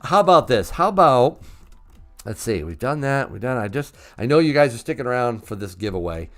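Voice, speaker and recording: A man hosting a call-in livestream, ranting excitedly and laughing at himself. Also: mid-range voice, fairly quick. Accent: New England. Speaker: livestream host. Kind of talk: casual call-in livestream talk.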